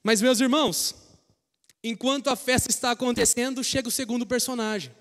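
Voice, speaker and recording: A Brazilian man preaching with a fairly high voice, drawing his listeners into the story. He moves from quiet, confiding asides to bold, swelling emphasis. His words ring out with the long reverb of a church hall. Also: brisk. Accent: Brazilian Portuguese. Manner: animated storytelling, swinging between soft asides and emphatic rises. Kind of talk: sermon.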